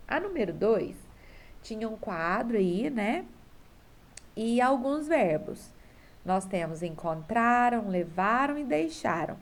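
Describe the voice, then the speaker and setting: A woman's voice: medium pitch, a little mellow. Woman, Brazilian Portuguese accent, teacher, patient explaining, frequent check-ins, recorded at home. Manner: patient, checks in often with a tag question. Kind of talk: explaining homework corrections to pupils.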